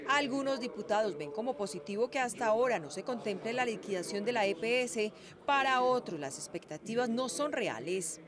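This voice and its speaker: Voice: medium pitch, animated. News reporter narrating over crowd noise. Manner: measured, formal delivery.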